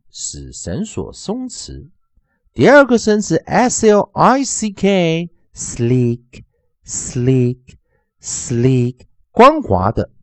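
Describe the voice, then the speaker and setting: A man leads a phonics lesson, his pitch swinging widely as he explains in Chinese. He repeats each sound slowly and deliberately, drawing out syllables. The recording is dry and close, with no room echo. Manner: very lively pitch, drawn-out syllables. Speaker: English pronunciation teacher.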